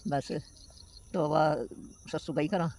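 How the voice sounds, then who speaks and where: Man, fairly high voice, devotional storytelling, rhythmic sing-song chanting, faint background noise. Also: steady tone, fairly quick. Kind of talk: telling a devotional folk tale with chanted verses.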